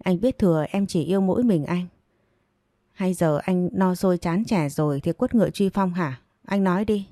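A woman's voice: fairly low pitch, moderate pace, warm tone, no echo, studio quality, close to an everyday voice. A woman voicing a defiant young pregnant village woman who argues back and pleads. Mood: pleading.

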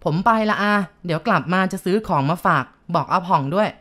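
A woman's voice: on the low side, a little fast, fairly bright tone. A woman voicing a cheerful young man who brags eagerly about his new motorbike. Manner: eager, bragging. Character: young male motorbike fan, cheerful and boastful.

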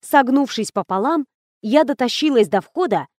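Woman narrating a book, high voice, dry close sound, kinda wry. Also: lively intonation, normal speed, darkish tone, no room sound. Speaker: audiobook narrator. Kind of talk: first-person scripted narration.

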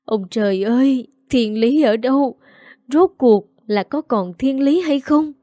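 This is a woman reading a storybook mother, frantic and tearful, her voice climbing as she wails. The tone stays dark and mellow, and the room is dry and close. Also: fairly high pitch, expressive, moderate pace, dry recording, natural voice. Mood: wailing. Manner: wailing, pleading. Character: grieving desperate mother, middle-aged woman.

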